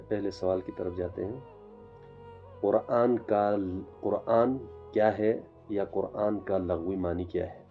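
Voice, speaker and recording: Deep flat-voiced man giving a halting religious talk. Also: dull audio. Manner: halting, with frequent fillers and restarts. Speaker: self-taught religious lecturer. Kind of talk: informal religious lecture vlog.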